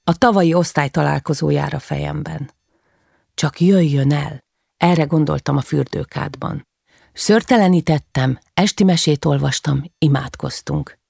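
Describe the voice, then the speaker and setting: A woman reading a first-person novel aloud as an audiobook, calm and measured, in short clipped sentences. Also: low-pitched, gravelly, breathy edge, no room sound, clean studio sound. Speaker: audiobook reader.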